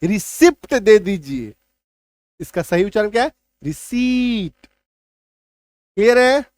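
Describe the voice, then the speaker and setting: A man teaching English spelling rules in a classroom-style lesson, stressing and repeating each rule and often checking that it is clear. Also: high voice, sing-song, moderate pace, no room sound.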